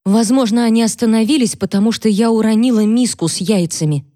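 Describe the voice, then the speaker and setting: A woman's voice: mid-range voice, normal speed, dark tone, dry recording, clean studio sound, pitched above the performer's own voice, natural voice. A woman voicing a timid, frightened young servant girl giving tearful testimony, her speech hesitant and trembling. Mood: fearful, trembling.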